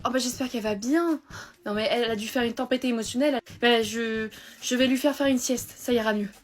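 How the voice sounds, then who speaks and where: A woman's voice: fairly high pitch, brisk. A woman performing a comedy sketch, playing fussy, overprotective parents.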